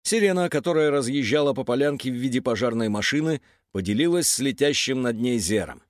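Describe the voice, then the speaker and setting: A man narrating a children's story in an animated storytelling manner. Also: mid-range voice, a little fast, no echo, clean studio sound.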